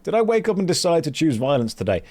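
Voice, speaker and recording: Very animated and quick, a man with a fairly high, darkish voice jokes at his own expense while gaming live for his viewers. He chats casually with them and reads both their messages and the quest text out loud.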